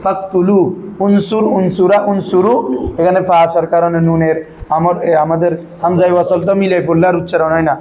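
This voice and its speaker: A male Arabic grammar teacher, drilling his students with quick questions in a patient classroom manner. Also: high-pitched, level tone, a little mellow, reverberant, slight background noise, low-quality recording.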